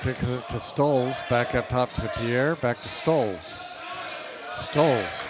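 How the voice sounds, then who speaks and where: A man calling live basketball play-by-play, quick and rising when baskets fall. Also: mid-range voice. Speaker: play-by-play announcer. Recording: noisy gym broadcast.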